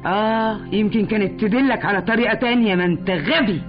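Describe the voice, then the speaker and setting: An actress with an Egyptian accent playing a sharp-tongued wife and lawyer who scolds and threatens her husband in a radio drama. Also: mid-range voice, fast, close to an everyday voice. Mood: scornful. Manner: scolding, threatening, then pleading. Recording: dull old radio recording with music.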